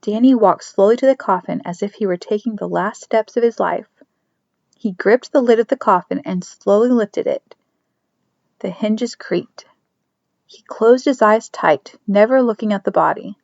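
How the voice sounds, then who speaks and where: A woman narrating a chapter of a novel in a steady storytelling manner, dropping to soft whispers for a character's thoughts. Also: medium pitch, normal speed, gravelly, no echo. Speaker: audiobook reader. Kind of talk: scripted narration. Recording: dry, dull lo-fi recording.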